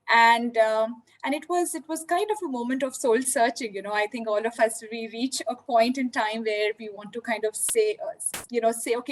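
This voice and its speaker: A woman's voice: on the high side, low-quality recording. A woman from India, speaking reflectively as a panelist in a virtual panel discussion, over a video call and with many "you know" fillers. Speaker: panelist, leadership development.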